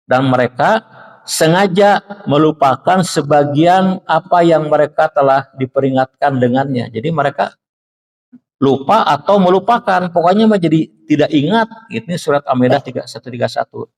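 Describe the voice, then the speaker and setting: A man with a Sundanese accent giving a conversational religious lecture in a mosque, often addressing the listeners directly and reciting verses slowly. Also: on the high side, lively intonation, big-room sound. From Indonesia. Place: mosque hall.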